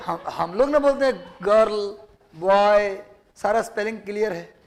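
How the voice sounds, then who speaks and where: A man with a Bihari Hindi accent delivers a classroom lecture in a notably high voice. He quizzes his students constantly and repeats each answer for dictation. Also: unhurried. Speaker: teacher.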